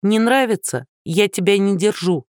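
A man reading an audiobook, voicing Liza, a prickly, sharp-tongued young woman, in a higher voice with clipped retorts. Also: expressive, a little slow, no echo, studio quality. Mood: scornful.

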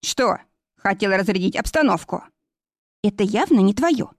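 A woman's voice: medium pitch, lively intonation, normal speed, no room sound. A curt, snappish woman with a biting tongue, bossy and dry-witted, in a storybook read aloud by a woman narrator; the voice is close and dry with no room sound.

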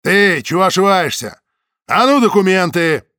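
A man reading an audiobook, voicing a coarse male secret-police guard who is loud, bossy and scornful. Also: on the high side, expressive, a little slow, no room sound, studio quality.

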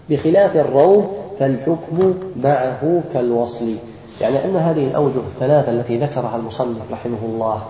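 Mellow-voiced sheikh teaching in echoey room. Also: male voice, mid-range voice. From Algeria. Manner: explains slowly, chants example words, quizzes students. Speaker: sheikh teaching Quran recitation. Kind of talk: classroom lesson with students.

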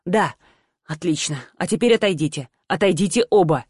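A woman's voice: on the low side, expressive, moderate pace, darkish tone, slightly rough, no echo, clean studio sound. A woman playing a brusque male doctor barking orders. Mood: commanding. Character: gruff male doctor, brisk and commanding.

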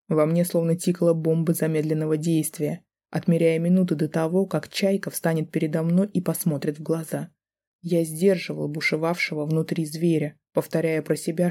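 A man narrating an audiobook in the first person, in a tense, brooding, measured way. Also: on the high side, dark tone.

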